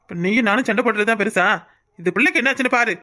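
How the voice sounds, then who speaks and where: A woman's voice: on the high side, very fast, sharp tone. A woman voicing a stern village family elder in a cartoon, scolding and demanding answers.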